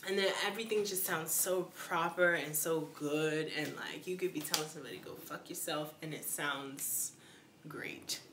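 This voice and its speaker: A woman's voice: low-pitched, fairly even intonation, moderate pace, hardly any pauses, background noise. Slangy, chatty young woman in an echoey room. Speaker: YouTuber answering viewer questions. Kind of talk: casual live-stream chat.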